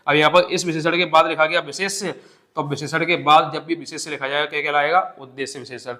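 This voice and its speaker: A man's voice: a little high, steady tone, fast talker, sharp tone. A man teaching an exam-prep grammar lesson step by step, asking questions and answering them himself.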